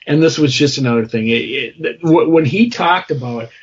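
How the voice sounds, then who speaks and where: A man co-hosting a sports podcast, a former reporter who talks in a halting, opinionated way with many restarts. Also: a little high, slightly rough. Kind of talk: casual chat. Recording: slightly dull podcast audio.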